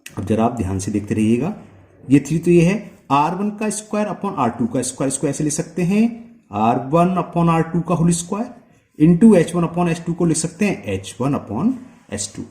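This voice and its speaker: A man's voice: a little high, very animated, mellow. A man teaching maths and working through a multiple-choice solution step by step, often stopping to check with the viewer. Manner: slow, step-by-step, asking the viewer questions.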